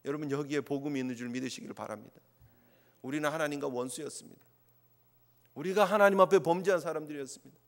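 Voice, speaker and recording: A male pastor with a slightly high voice and a quick pace preaches an impassioned sermon in a church sanctuary, at times acting out God's voice in quotes. Long church reverb surrounds the recording.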